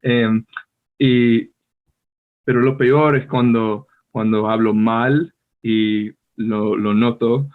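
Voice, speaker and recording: American man with Argentine-accented Spanish, slow. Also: mid-range voice, fairly even intonation. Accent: Argentine Spanish, learned as an American. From United States. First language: English. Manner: hesitant, searching for words with many pauses. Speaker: podcast co-host. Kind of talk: casual bilingual chat. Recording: tinny phone-like call audio.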